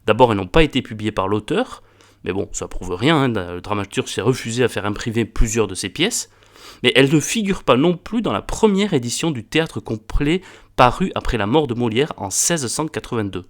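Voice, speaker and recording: Un homme qui commente des pièces classiques dans une vidéo, de façon décontractée et enjouée. Il cherche souvent ses mots et se répète, mais son intonation reste très vivante. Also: male voice, medium pitch, expressive, a little fast. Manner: hesitant, many fillers and repeated words; amused, enthusiastic about the comedy. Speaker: book reviewer and reader. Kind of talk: casual spoken literary commentary.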